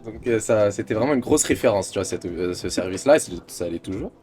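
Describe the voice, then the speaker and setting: A man's voice: on the low side, animated, quick pace, a little mellow. A young man hosting a casual chat, telling an anecdote in a rambling way, with many fillers and asides to his listener. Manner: rambling, full of "euh" and "tu vois". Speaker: host.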